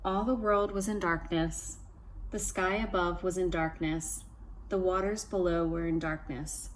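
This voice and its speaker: A woman's voice: lowish voice, measured pace, rough recording. A woman reading a trickster tale aloud from a picture book, prompting young listeners with questions and wondering aloud. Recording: steady background ambient noise.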